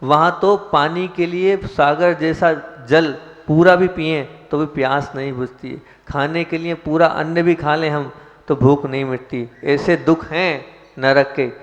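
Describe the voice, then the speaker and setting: Man preaching a sermon in a reverberant hall. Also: mid-range voice. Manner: rhetorical questions, rising emphasis on key points; opens with sung chanted prayers. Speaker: Jain monk preacher.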